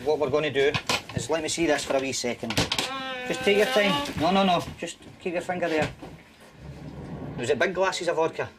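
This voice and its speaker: Broad Scottish man, loud background noise. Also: on the high side, a little fast. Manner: reassuring, matey banter. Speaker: paramedic. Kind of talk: casual chat with a patient on the job. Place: inside an ambulance and a house on a call-out. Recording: noisy on-location documentary sound.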